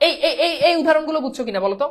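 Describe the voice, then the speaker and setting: Speaking very fast and with lots of expression, this high-voiced woman is a Bangla teacher giving a pronunciation lesson. She goes over things again and again, urging the class to say if they've got it.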